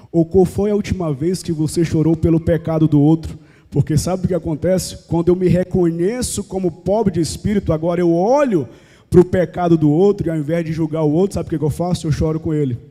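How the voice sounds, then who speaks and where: Brazilian man, church preacher, live sermon, rhetorical questions, dark mellow voice, long church reverb. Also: a little high. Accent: Brazilian Portuguese. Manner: rhetorical questions, acts out prayers in quoted voices. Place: church sanctuary, live service.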